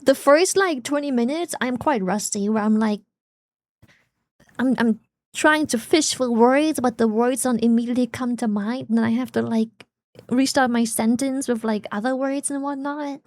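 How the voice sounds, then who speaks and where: Young woman. Chatty streamer, loose and rambling. High pitch, dry mic. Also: moderate pace, no echo. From Germany. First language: German. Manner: rambling, chatty, lots of "like" fillers. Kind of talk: casual chat with viewers.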